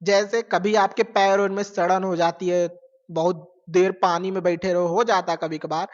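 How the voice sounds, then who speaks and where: A man's voice: high voice, little pitch movement, moderate pace. A male science teacher giving a casual class lecture, asking questions and answering them himself, repeating key words and mixing in English terms. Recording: lo-fi with long reverb.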